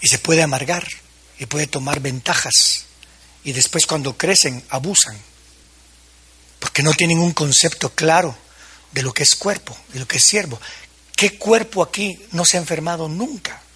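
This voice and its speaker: A man's voice: fairly high pitch, normal speed, pushed and bright, husky. A man preaching a sermon as pastor, addressing the congregation with questions and acting out quoted dialogue.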